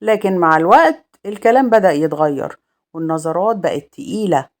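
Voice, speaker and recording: A woman with an Egyptian accent narrating a dramatic village crime story in a steady, grave manner. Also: on the low side, brisk.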